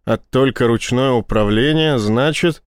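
A man reading a tense science fiction audiobook in a steady storytelling voice. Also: mid-range voice, a little slow, clear, resonant tone, no room sound, studio quality. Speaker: audiobook narrator. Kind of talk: scripted narration.

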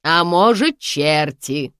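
A woman reading an audiobook voices a stern, sharp-tongued elderly grandmother who speaks slowly and tartly. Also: low voice, lively intonation, clear, resonant tone, no echo, studio quality, full character voice. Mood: sarcastic. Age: over 60 (figure). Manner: slow, clipped, tartly sarcastic.

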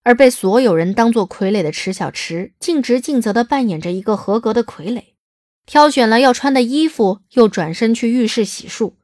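A woman's voice: on the high side, animated, normal speed, a little mellow, no echo, studio quality. A woman reading scripted narration as the narrator of a dramatised audiobook.

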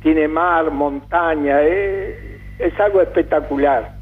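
Older man from Italy, slightly high voice, halting speech with fillers, tinny phone-like sound. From Italy, Calabria. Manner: halting, full of "digamos" fillers. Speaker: guest. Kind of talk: reminiscing radio interview.

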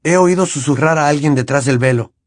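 A man voicing a curious, entranced teenage boy wizard who speaks in a hushed, questioning way. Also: on the high side, a little fast, no room sound, pitched above the performer's own voice, close to an everyday voice.

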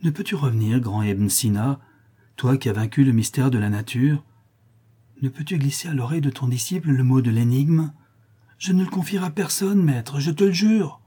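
A man's voice: medium pitch, moderate pace, warm tone, slightly rough, pitched above the performer's own voice, lightly acted. A man voicing a fervent, greedy young male disciple of an alchemist, in an imploring, feverish manner. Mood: desperate. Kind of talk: audiobook character reading.

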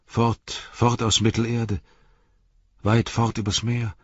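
A man's voice: medium pitch, little pitch movement, slow pace, husky, no echo. A man reading an audiobook, voicing a frightened, worn-down young male hobbit who flares up in anguish, in a dull, dry recording. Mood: despairing. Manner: anguished, flaring to shouting.

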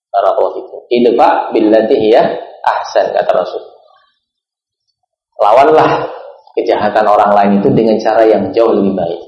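Male preacher, mid pitch, measured delivery, roomy and dull recording. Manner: repeats a set blessing, slow pauses, asks and answers himself. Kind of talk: religious lecture.

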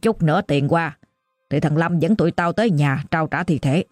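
A woman's voice: deep voice, a little mellow, no echo, clean studio sound, soft background music. A woman voicing a greedy, ruthless middle-aged boss who haggles harshly. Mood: smug. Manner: gruff, hectoring, rapid.

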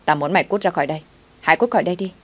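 Bullying female coworker, low-voiced and taunting, read by a woman narrator. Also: very fast, close to an everyday voice. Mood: hostile. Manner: taunting, shouting.

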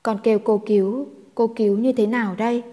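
A woman's voice: a little high, steady tone, brisk, warm tone, big-room sound, lightly acted. A woman voicing a heartbroken middle-aged aunt who sobs in hopeless despair. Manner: sobbing, hopeless.

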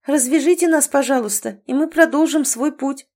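A woman voicing a young female captive who pleads in a high, anxious voice. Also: normal speed, darkish tone. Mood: frightened. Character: young female captive, frightened but brave.

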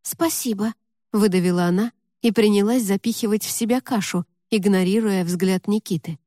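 A woman reads an audiobook in a steady, even storytelling manner. Her voice is dark and mellow, and the recording is dry, close and free of room sound. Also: medium pitch, brisk, dry recording. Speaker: audiobook narrator. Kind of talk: scripted audiobook narration.

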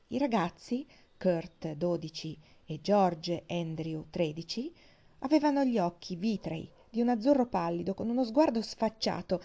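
Mellow-voiced woman reading a novel aloud. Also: mid-range voice. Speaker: audiobook reader. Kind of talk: audiobook narration. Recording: dull lo-fi audiobook recording.

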